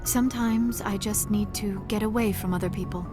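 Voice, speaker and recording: Lightly acted at a moderate pace, this medium-pitched, steady female voice belongs to a video game's young alien archaeologist, shy and earnest. Her diction is formal and precise, her manner socially awkward, her mood reflective and modest, and music runs beneath the lines.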